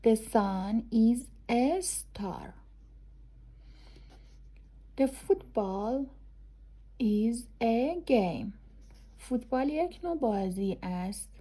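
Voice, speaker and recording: A woman English teacher, explaining grammar casually and reading example sentences slowly and deliberately. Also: fairly high pitch, mellow.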